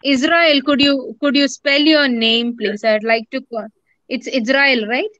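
A woman with an Indian English accent teaching a journalism class online, explaining patiently, repeating her points and pausing with many fillers. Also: high-pitched, fairly even intonation, fairly bright tone, no echo, highs cut off.

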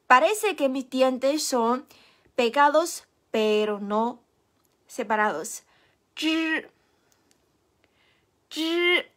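With a high, fairly bright voice, a young native Chinese speaker leads a live online Mandarin class. She models pronunciation and keeps her tone patient and supportive.

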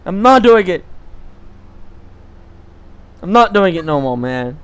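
A man's voice: high-pitched, big pitch swings, slow, smooth. A young American man giving casual, rambling commentary on a train game, often swearing in frustration. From United States. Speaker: gameplay streamer.

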